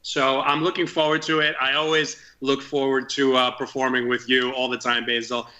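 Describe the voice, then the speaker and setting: A man who is a comedian guest, telling stories in casual chat with an excited, rambling manner. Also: medium pitch, normal speed, muffled recording.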